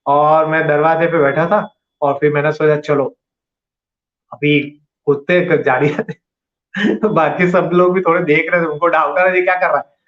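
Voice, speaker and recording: A man telling a personal story in a conversational, animated way, acting out his own thoughts as he goes. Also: fairly high pitch, echoey room. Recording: dull lo-fi audio.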